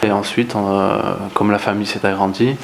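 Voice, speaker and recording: A man speaks haltingly in a documentary interview, his voice low and flat. A faint hum runs behind him. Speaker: resident.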